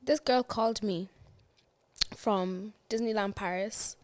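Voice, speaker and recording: A woman's voice: medium pitch, takes it slowly, darkish tone, slight background noise. A woman co-hosting a casual podcast, chiming in and teasing expressively. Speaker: podcast co-host. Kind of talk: casual chat.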